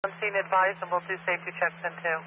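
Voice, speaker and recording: A man on police radio as a dispatcher, giving clipped call-outs through a muffled scanner with loud static. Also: high voice, level tone, fast.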